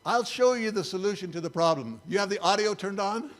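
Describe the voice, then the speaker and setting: An older man with a high-pitched voice delivers a sermon-style talk while showing slides. His tone is wry and incredulous. He keeps it loose and conversational rather than preachy. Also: brisk. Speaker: church speaker.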